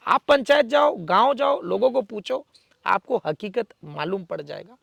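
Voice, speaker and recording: A man giving forceful, defiant answers in an interview as a local political figure, with emphatic rhetorical speech. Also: sits high, animated, moderate pace, creaky, dry recording.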